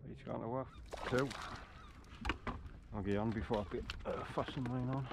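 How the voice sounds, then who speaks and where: A man's voice: mid-range voice, fairly even intonation, moderate pace, vocal fry. A middle-aged man chatting with dry humour while fishing from a small inflatable boat at sea, picked up by an action camera. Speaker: angler. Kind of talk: casual chat while fishing. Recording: wind and sea noise.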